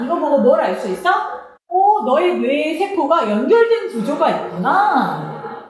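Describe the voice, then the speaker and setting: A woman teaching an exam reading passage to students, asking them quick rhetorical questions as she explains. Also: fairly high pitch. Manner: switches between Korean explanation and read-out English. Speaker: English teacher. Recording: very echoey room.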